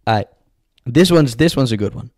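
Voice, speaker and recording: A man's voice: medium pitch, animated, a little fast, a little mellow, no room sound, clean studio sound. A man co-hosting a podcast, bantering casually and reading out confessions in blunt slang, repeating phrases for emphasis. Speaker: podcast co-host. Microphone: close podcast microphone.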